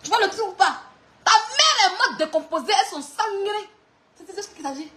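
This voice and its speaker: Woman, very high voice, swooping lively pitch, mocking clash rant. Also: normal speed. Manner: mocking, often laughing while talking. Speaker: online clash streamer.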